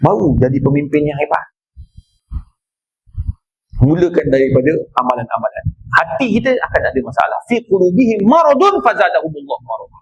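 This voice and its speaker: A middle-aged Malaysian man with a Malaysian Malay accent giving a joking, animated religious lecture in a mosque. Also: a little high, a little fast, pauses often, breathy edge, poor audio. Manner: animated, joking storyteller, acts out people. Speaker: preacher.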